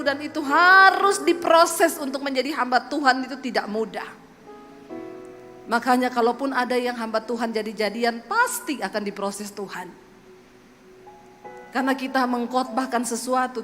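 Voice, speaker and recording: Brief: high-pitched Sulawesi-accented woman preacher, lively storyteller, echoey hall. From Sulawesi, Indonesia. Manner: lively storytelling, mimicking voices. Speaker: preacher giving testimony. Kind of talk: sermon testimony.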